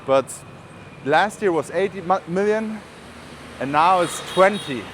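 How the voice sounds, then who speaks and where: A vlogger from Germany with a German accent walks the city and chats loosely, rambling with informal asides. His high voice has lively intonation, a measured pace, and a fairly bright tone; street ambience and vehicles can be heard around him.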